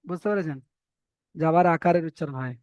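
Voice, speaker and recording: A man's voice: on the high side, a little fast, darkish tone, clear, resonant tone, dry recording, muffled recording. A man teaching Arabic letter pronunciation in an online lesson, patiently drilling and correcting students. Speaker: Quran reading teacher.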